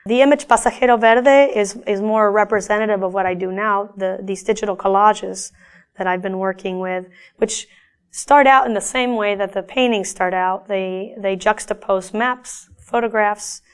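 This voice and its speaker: A middle-aged woman artist from Argentina, talking about her own paintings in a thoughtful, halting way with frequent restarts. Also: mid-range voice, clear, resonant tone.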